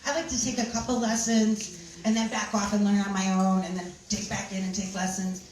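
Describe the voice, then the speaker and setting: A woman's voice: medium pitch, little pitch movement, brisk, a little mellow, slight background noise. A middle-aged woman talking casually to a live group, chatty, jokey and self-assured. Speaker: presenter at a benefit event. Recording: echoey room, voice from far off, crowd behind.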